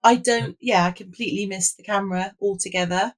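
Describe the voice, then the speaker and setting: A British woman hosting a casual, chatty craft vlog with a hoarse, croaky frog voice, as if she has nearly lost it. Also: medium pitch, steady tone, fairly quick. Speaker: host of a craft video.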